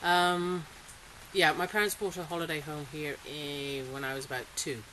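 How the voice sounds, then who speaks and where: A woman's voice: sits low, fairly even intonation, moderate pace, fairly bright tone, poor audio. Chatty middle-aged woman, faint hiss. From Singapore. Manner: chatty, laughs often, hesitant with fillers. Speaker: interviewee, farmer. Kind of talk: casual interview. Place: polytunnel on a farm. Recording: faint hiss, rain on tunnel.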